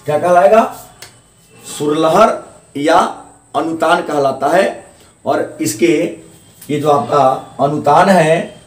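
A man's voice: on the high side, slow pace, long pauses. A male teacher giving a grammar lesson, repeating key terms and asking questions he answers himself. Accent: Hindi, eastern. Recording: echoey room, mic at a distance.

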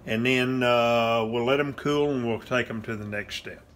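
A man hosts a cooking demonstration in his home kitchen, plainly walking through each step. His voice is medium-pitched and fairly bright, at a normal speed, and the kitchen lends the recording a roomy echo.

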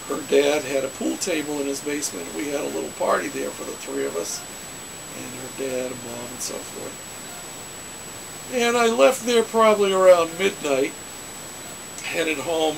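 Gravelly older man telling car stories. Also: a little high. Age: 60s. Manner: rambling, folksy, many uh fillers. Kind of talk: casual storytelling to camera. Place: small cluttered home den. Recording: hissy webcam recording.

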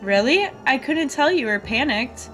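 A woman's voice: sits high, expressive, a little slow, pitched above the performer's own voice. A woman voicing an upbeat, encouraging little monster companion from an anime game, reading its lines aloud. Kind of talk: reading visual novel dialogue aloud. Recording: game music behind the voice.

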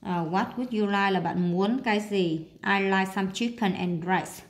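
A woman English teacher with a Vietnamese accent, working through a workbook exercise and talking as she writes, with pauses and fillers. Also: medium pitch. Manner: talks while writing, with pauses and fillers. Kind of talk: casual workbook walkthrough.

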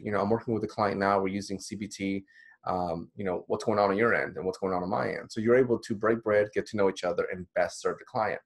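A man in his thirties, a counselor from the Dominican Republic, giving a casual, encouraging recorded lecture with many fillers. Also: low voice. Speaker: counselor teaching a course. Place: small indoor room.

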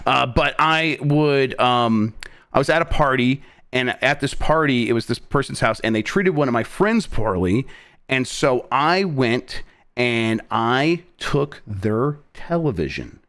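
Animated, halting man telling stories. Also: mid-range voice. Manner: halting, self-correcting, repeats words. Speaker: podcast host. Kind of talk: casual chat, rambling personal storytelling. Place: indoor room on a video call. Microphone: close desk microphone.

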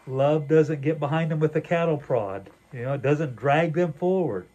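An older man delivers a sermon in a relaxed back-and-forth, earnest and reflective, with frequent fillers. His voice sits slightly high but sounds dark and mellow. He is recorded on a camera at table distance in a small wood-paneled room. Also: normal speed, muffled recording. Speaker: pastor. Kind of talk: conversational sermon dialogue.

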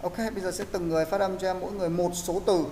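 Male pronunciation teacher, a bit high, coaching patiently in a roomy echoey space with faint hiss. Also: steady tone, racing, mellow. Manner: explanatory, coaching students step by step. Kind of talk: online class instruction.

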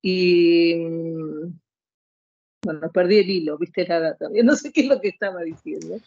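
A woman's voice: on the low side, unhurried, a little mellow, no room sound, dull audio. A woman in her late fifties telling her own story as an interview guest, rambling and heartfelt. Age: 50s. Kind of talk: emotional personal account.

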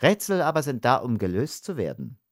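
Reading an audiobook, a man voices an arrogant army lieutenant, lightly acting the part with sneering contempt in a tone pitched above his own mid-range voice. The clean studio recording has no room sound, and his delivery moves at normal speed with lively intonation.

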